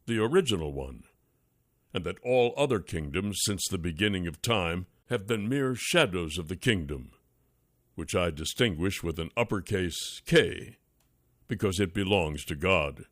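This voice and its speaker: Low-voiced man reading an audiobook. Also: animated, a little slow, a bit bright, dry recording, studio quality. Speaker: audiobook narrator. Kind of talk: scripted audiobook narration.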